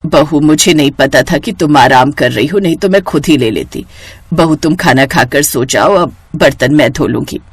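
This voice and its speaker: A meek elderly mother-in-law, voiced by a woman, speaking slowly and softly in a lowered, gentle voice. She pleads rather than scolds, with a patient, tired warmth. The sound is dry and close, with no room around it. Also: lively intonation, slightly rough, no echo, exaggerated voice. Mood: gentle pleading.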